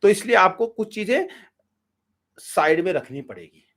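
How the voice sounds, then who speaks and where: A man coaching public speaking live, with a voice that sits somewhat high for a man. He talks energetically and directly and gives one instruction after another. He speaks to his listeners as friends. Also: sing-song, normal speed, a bit bright.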